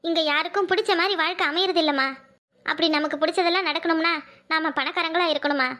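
A woman voicing a heartbroken, resigned young village bride in a cartoon, soft and tearful, with a Kanyakumari Tamil accent. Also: extremely high pitch, fairly even intonation, fast talker. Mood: despairing.

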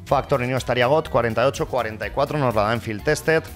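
A man from Spain commentating his case openings, swearing often and swinging from low mutters to loud cheers. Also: quick pace, faint music behind. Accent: Spain Spanish. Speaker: gaming streamer. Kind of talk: casual commentary while opening cases.

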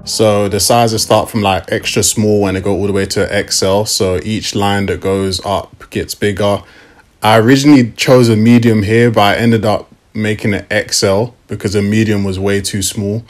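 A young man talking through a sewing tutorial in a relaxed, casual way, with the odd um along the way. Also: lowish voice, normal speed. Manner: relaxed, step-by-step explaining with fillers. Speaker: fashion DIY vlogger. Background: hip hop music.

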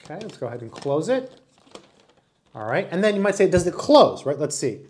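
A man's voice: a little high, very animated, fairly quick, darkish tone. Chatty man demoing a water bottle. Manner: chatty, enthusiastic, demonstrating while talking. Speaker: product reviewer. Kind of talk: casual product review vlog. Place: small indoor room with wood-panel wall.

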